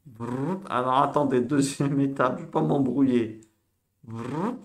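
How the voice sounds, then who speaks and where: A man giving an informal online Hebrew lesson, chatty and lively, with playful sound effects and frequent checks on his listeners. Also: medium pitch, normal speed. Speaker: Hebrew teacher.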